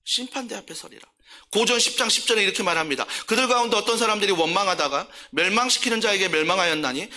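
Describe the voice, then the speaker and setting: A male senior pastor preaching a sermon. He asks the congregation questions and answers them himself, swinging from emphatic outbursts to soft, low asides.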